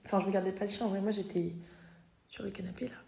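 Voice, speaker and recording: A woman's voice: medium pitch, very fast, gravelly, a little hiss or hum. A young woman in her twenties chatting dramatically for her travel vlog, filming on her phone outdoors and indoors. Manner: excitable, dramatic, switches to hushed whispering. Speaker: travel vlogger. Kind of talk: casual vlog chat. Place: outdoors on streets and indoors in an apartment.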